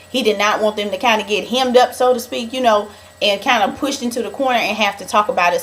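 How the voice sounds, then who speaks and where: A young woman recapping a reality show in a chatty, dramatic gossip style, calling her viewers honey. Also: mid-range voice.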